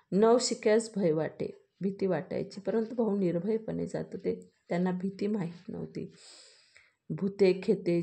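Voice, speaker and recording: A woman reading a classic storybook aloud in a measured way, pausing to explain old words. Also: mid-range voice, creaky, warm tone.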